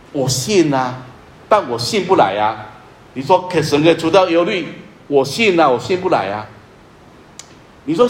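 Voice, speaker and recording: A man preaching a sermon as pastor, earnest and emphatic, repeating key phrases and often dropping to a soft, low voice. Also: reverberant.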